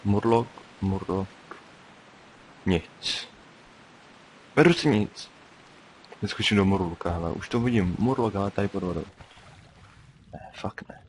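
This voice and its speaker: A man's voice: low voice, pauses often, rough recording. A young man giving casual, chatty commentary while playing a game, often muttering to himself. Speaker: gameplay commentator. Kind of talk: casual let's-play commentary. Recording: faint hiss.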